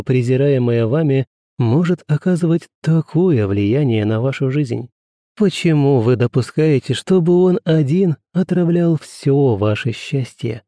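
A man reading the part of a gallant gentleman who speaks softly and sweetly, with coaxing tenderness and a touch of sad irony. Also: mid-range voice, no echo, clean studio sound, natural voice. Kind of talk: audiobook character reading.

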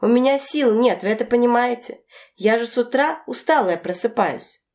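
A woman voicing an irritable, overworked adult woman who argues with her mother in a sharp, raised voice. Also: mid-range voice, expressive, normal speed, close to an everyday voice. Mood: exasperated.

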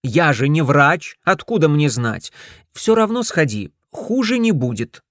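A man voicing a bossy, sharp-tongued middle-aged wife who scolds and commands her husband. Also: fairly high pitch, big pitch swings, unhurried, no echo, studio quality. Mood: concerned.

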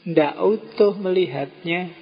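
A man leads an informal philosophy study session in a relaxed, joking way. His voice sits a little high and is gravelly and husky. It is picked up dull and lo-fi, with a long hall reverb. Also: slow pace. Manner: relaxed, joking asides, mixes in Javanese words. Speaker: philosophy lecturer. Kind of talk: informal religious study talk.

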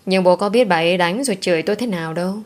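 A woman narrating a first-person story in a calm, measured reading voice. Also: fairly low pitch.

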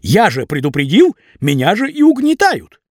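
A man's voice: high-pitched, huge pitch swings, moderate pace, dry recording, clean studio sound, pitched above the performer's own voice, exaggerated voice. A man doing a flustered, pleading young man. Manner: pleading, anxious. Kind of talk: audiobook character voice.

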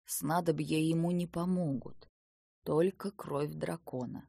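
A serene old hermit sage, as a woman reader puts him on speaks slowly and solemnly, never hurried. His voice sits somewhat low and sounds dry and close. This is storybook narration. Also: vocal fry, husky, no echo, full character voice. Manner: slow, solemn, calm pronouncements.

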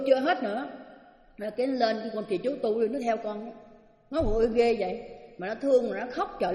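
A woman's voice: fairly high pitch, warm tone. A woman with a Southern Vietnamese accent, a Buddhist nun giving a storytelling dharma talk, chatty and acting out the voices of the people in her tale. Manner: chatty, acts out quoted voices. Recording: echoey hall with long reverb.

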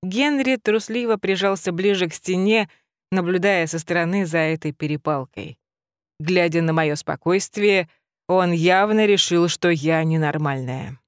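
Woman narrating a lively audiobook. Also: lowish voice, measured pace, dry recording, clean studio sound. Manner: lively, expressive storytelling. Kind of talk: first-person audiobook narration.

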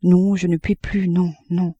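A woman's voice: lowish voice, flat delivery, unhurried, warm tone, breathy edge, no room sound, highs cut off. A woman voicing a middle-aged mother who pleads with her son in anguish and fear, her words breaking with emotion. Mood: panicked.

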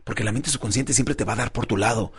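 A man's voice: lowish voice, fast, a bit bright, slightly rough. A man giving a motivational self-help audio talk. He acts out both sides of conversations and calls his listeners champions. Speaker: motivational speaker.

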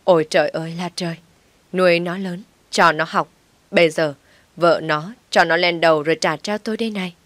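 A loud, scolding older mother-in-law from a storybook, domineering and scornful, as a woman narrator puts her on. She sits a touch low and belts her lines in a close, dry sound. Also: fairly even intonation, moderate pace, no echo, close to an everyday voice. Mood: furious. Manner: shouting, scolding. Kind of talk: audiobook story reading.

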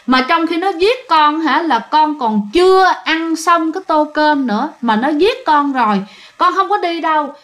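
A woman's voice: high-pitched, natural voice. A woman voicing the tearful, bitter ghost of a young man, told in a spoken ghost story.

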